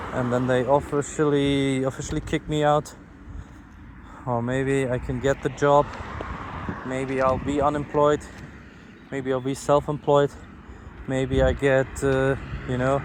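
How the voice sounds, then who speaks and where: Phone in hand on a street walk, a vlogger with a mid-range voice and a German accent rambles casually despite being sleep-deprived. He's frank, uses profanity, and puts himself down, with traffic and passing vehicles in the background.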